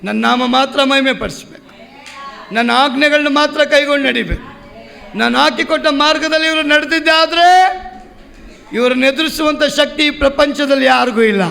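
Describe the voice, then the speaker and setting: A preacher voicing God as a commanding yet tender divine figure, giving solemn decrees. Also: male voice, extremely high pitch, normal speed, gravelly, pushed and bright, exaggerated voice.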